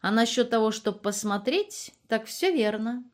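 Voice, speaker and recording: A woman's voice: on the high side, animated, a little slow, pitched above the performer's own voice. A woman voicing a nosy, cheeky young village nurse who talks chattily and coquettishly. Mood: chatty, prying.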